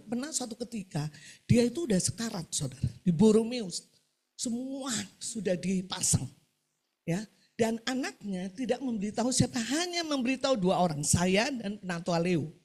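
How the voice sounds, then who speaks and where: A woman preaching a sermon over a video call, moving between shouted exhortation and quiet storytelling. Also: medium pitch, husky.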